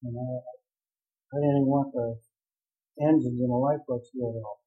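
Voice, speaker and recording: Ex-captain spinning a long rambling yarn, mid-pitched voice, thin phone-like sound. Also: male voice, steady tone, normal speed, soft background music. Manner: vivid, rambling storyteller. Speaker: former drilling ship captain. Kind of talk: oral history storytelling. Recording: tinny phone-like audio.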